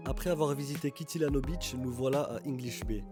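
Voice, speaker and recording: A man's voice: medium pitch, a little fast, music in the background. Chatty French man vlogging outdoors. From France. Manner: chatty, relaxed, frequent fillers and restarts. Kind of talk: casual travel vlog walkthrough. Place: outdoors in a city. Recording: loud street noise behind.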